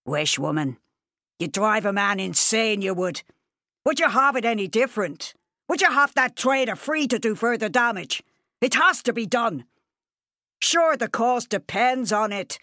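A woman's voice: a little high, lively intonation, a little slow, bright, forceful tone, no echo, studio quality, pitched above the performer's own voice, exaggerated voice. A woman reading an audiobook, voicing a harsh, scolding middle-aged farmer who is the father.

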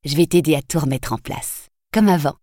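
A woman reading the part of a sixty-year-old nanny who is gentle but firm, in a dry, low voice. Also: a little fast, no echo. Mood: soothing. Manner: soothing, then stern with the boy.

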